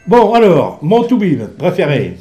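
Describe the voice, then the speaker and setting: A man's voice: sits high, wildly swooping pitch, measured pace, over music. A male radio host chatting with a doctor, stammering and restarting, bursting into emphatic questions. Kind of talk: radio call-in chat with a doctor.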